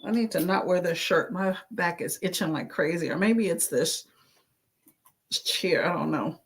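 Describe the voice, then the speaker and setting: A woman with a lowish voice and measured pace hosts a livestream, reading comments from viewers and urging them on. She talks freely, exclaims frequently, and clears her throat.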